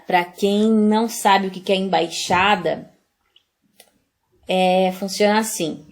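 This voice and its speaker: A young Brazilian woman teaching a class online. She is chatty and explains things step by step with plenty of fillers. Her voice sits at a middle pitch.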